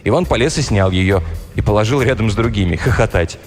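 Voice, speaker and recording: Lively male audiobook narrator. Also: on the low side, fairly quick, faint music behind. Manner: lively, playful storytelling.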